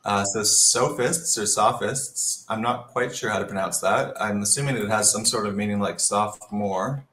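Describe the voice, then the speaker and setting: A man talks through a Scrabble position in an analytical, think-aloud way. His voice sits low. The sound carries a roomy echo. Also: fairly quick, hardly any pauses, a bit bright, a little hiss or hum. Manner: analytical, thinks aloud while reading the board. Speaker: Scrabble commentator. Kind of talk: live game commentary.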